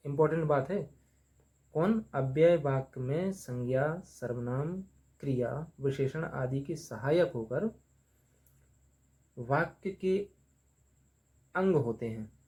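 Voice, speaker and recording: A man with a mellow, medium-pitched voice teaches a grammar lesson, posing questions and answering them himself. He repeats each term slowly as he writes it on the board.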